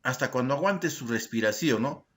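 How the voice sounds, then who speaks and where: A man teaching a secondary school language lesson in an online class, explaining slowly and checking in with his students by asking short questions. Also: mid-range voice, expressive, a bit bright. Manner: slow, deliberate explaining, tag questions to students.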